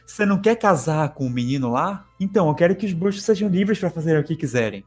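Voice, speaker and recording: A man retelling a smooth villain wizard's pitch. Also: expressive, quick pace, soft background music. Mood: persuasive.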